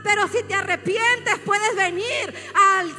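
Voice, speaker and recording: A woman pastor, preaching a fervent sermon that rises to shouts as she calls out to the congregation. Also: extremely high pitch, slow. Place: church sanctuary. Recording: long hall reverb with faint music.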